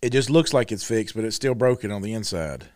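A man co-hosting a podcast, telling a funny story in an animated, laughing way. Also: on the low side, fairly quick. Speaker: podcast co-host. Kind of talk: casual storytelling chat.

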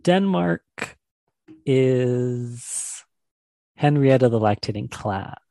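Guy with a kinda gravelly voice hosting a podcast quiz, chatty and enthusiastic, dry close mic. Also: medium pitch, lively intonation, drawn-out words, warm tone, no room sound. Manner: chatty and enthusiastic, laughs often. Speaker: podcast co-host running a quiz. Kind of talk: casual chat.

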